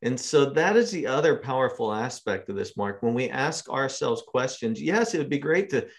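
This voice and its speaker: Measured male podcast host. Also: mid-range voice, animated. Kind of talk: casual podcast conversation.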